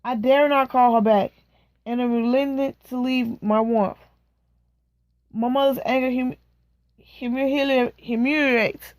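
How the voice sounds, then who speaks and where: A woman reading a novel aloud in a slow, measured way, stopping now and then to chat casually. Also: high-pitched, fairly even intonation, dry recording. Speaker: reader.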